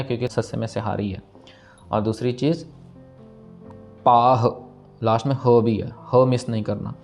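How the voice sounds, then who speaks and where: A man teaching scripture pronunciation, reciting lines slowly and breaking words down syllable by syllable. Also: medium pitch, a little mellow. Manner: slow, careful, repeats lines syllable by syllable. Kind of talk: step-by-step recitation lesson. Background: faint instrumental music.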